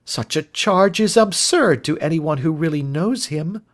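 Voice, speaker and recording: A man's voice: on the high side, animated, measured pace, pitched above the performer's own voice. A man voicing an earnest, impassioned young Victorian lady in an audiobook, with a fervent, pleading manner.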